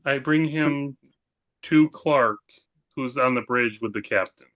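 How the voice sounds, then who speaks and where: A man's voice: mid-range voice, takes it slowly, fairly bright tone. A man playing a tabletop role-playing game who explains his moves in a matter-of-fact way. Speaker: player.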